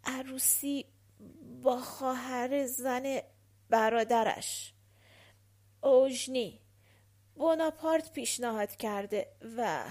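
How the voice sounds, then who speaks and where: A dying general murmurs faint, broken phrases in his delirium, as a woman reading the audiobook puts him on. The voice sits a little high and drifts, as if from a sickbed. It is a quiet storybook scene. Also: close to an everyday voice. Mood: halting.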